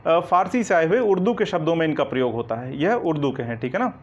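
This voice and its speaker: Fast and animated, a man with a voice on the high side delivers an online coaching lecture on Hindi grammar. He goes step by step, repeatedly checks "ठीक है ना", and answers the questions he puts to the class. The audio is dull and lo-fi.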